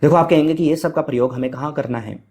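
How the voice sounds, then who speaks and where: A man's voice: fairly high pitch, fast talker, a little mellow. Man teaching with rhetorical questions. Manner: explains with rhetorical questions and fillers; chants Sanskrit verse at varying speed. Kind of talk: Hindi grammar lecture.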